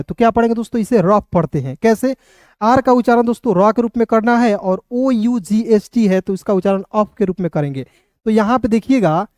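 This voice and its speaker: Man teaching phonics, mellow and dry. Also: high voice, no echo. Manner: spells words letter by letter and repeats the reading; addresses viewers as friends, asks and answers own questions. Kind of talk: online English phonics lesson.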